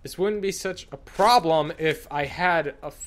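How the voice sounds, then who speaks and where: A man's voice: on the high side, a little slow, a little hiss or hum. A man giving casual, exasperated, sweary commentary while he plays a horror video game. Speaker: gamer commentating on own play.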